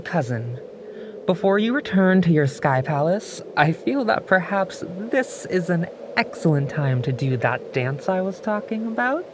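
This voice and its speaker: A woman's voice: lowish voice, very animated, measured pace, background noise. A woman playing a formal companion who loves tongue-twisting wordplay in an audio drama. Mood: playful. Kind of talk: musical audio drama acting.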